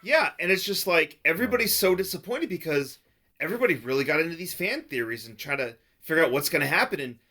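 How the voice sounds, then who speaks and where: Lively bright-voiced man chatting. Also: fairly high pitch, fast talker. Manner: rambling, filler-heavy, animated. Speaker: podcast co-host. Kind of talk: casual podcast chat.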